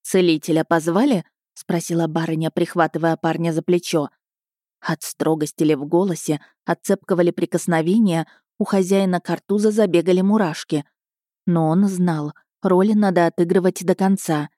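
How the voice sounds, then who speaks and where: A woman narrates an audiobook in measured, even storytelling. Her voice sits low with a mellow, warm tone, recorded dry and close. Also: no room sound.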